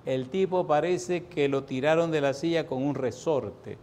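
A man in his sixties preaching a sermon, telling a personal story in an animated way and lifting his voice for repeated refrains. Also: on the high side, measured pace, slight background noise. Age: 60s.

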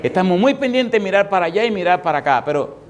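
A pastor preaching an evangelistic sermon, asking the congregation the same rhetorical question twice and slowing down to stress key phrases. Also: male voice, high-pitched, big pitch swings.

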